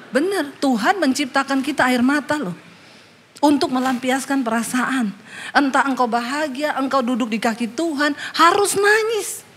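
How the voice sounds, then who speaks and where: A middle-aged woman pastor, preaching humor and acting out anecdotes, moving between low asides and high exclamations. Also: a bit bright, slight background noise. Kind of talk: humorous sermon with acted-out anecdotes.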